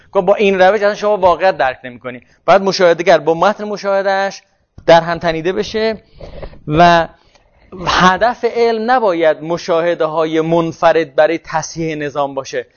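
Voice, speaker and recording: A man's voice: on the high side, muffled recording. A man giving a classroom lecture on social theory, thinking aloud and often restarting words mid-phrase.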